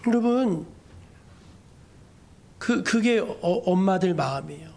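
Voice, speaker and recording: Male pastor, high voice, animated storytelling sermon. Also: slow.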